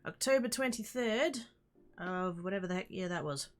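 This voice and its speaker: A woman's voice: mid-range voice, expressive, moderate pace. A woman livestreamer chatting casually and playfully with her viewers, rambling and easily sidetracked. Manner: playful, informal greetings to chat.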